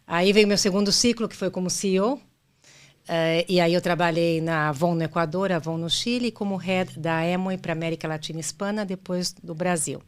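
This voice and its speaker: A middle-aged Brazilian woman with a fairly low voice talks through her career as an interview guest. She speaks thoughtfully, restarting her phrases and checking in with the listener as she goes. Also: fairly even intonation, a little fast, smooth. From Brazil, daughter of Argentine parents. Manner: thoughtful, with frequent restarts and "né?" tags. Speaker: guest, business executive. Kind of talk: conversational interview answers.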